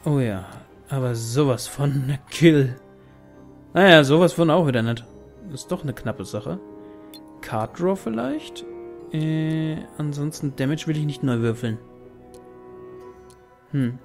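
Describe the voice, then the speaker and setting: A man hosts a gaming video in a fairly high voice. He comments casually, muttering his thoughts aloud over game music. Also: animated, slow pace, pauses often. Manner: thinking aloud, muttering to himself. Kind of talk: casual let's play commentary.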